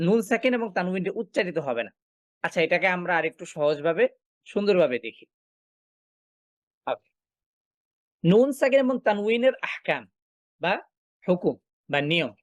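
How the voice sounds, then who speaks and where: With a high-pitched, animated voice at normal speed, a male Quran recitation teacher delivers an online lecture, pausing often. The sound is dry and close with no room tone, and he patiently works through steps, poses and answers his own questions, and uses frequent thinking fillers.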